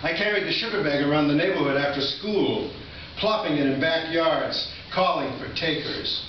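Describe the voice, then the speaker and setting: Reading poetry live at a college, this older Massachusetts man speaks at a moderate pace in a voice on the high side, with casual, nostalgic asides between poems. The recording is muffled, distant and echoey, with plenty of room noise.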